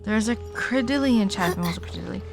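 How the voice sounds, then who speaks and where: A tired woman livestreams while gaming, chatting casually in an informal, rambling way and often trailing off. Her voice is mid-range and brisk, with game music playing in the background.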